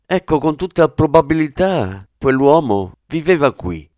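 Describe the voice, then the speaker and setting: A man's voice: on the high side, big pitch swings, a little slow, a little mellow, no room sound, clean studio sound, pitched above the performer's own voice. A man reading a brusque police commissioner. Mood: bantering. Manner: brusque, swearing. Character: gruff male police commissioner, blunt.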